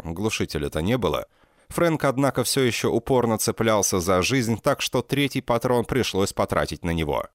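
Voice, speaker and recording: Sex: man. Role: audiobook reader. Style: first-person narration. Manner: deadpan, sardonic, deep, expressive rise and fall. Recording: dry and close. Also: no echo.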